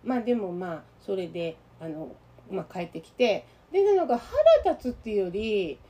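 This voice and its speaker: A woman's voice: mid-range voice, normal speed. A woman with a Kansai accent, co-hosting a radio talk show and telling a story in casual chat, acting out the voices of the people she met. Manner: animated, acts out quoted voices.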